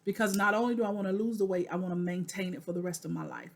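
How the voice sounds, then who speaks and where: A woman's voice: on the low side, racing, vocal fry. A woman in her forties recording a personal video diary, talking to viewers in an earnest, preacherly way and repeating phrases for emphasis. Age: 40s. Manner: addresses viewers directly as "y'all". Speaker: vlogger.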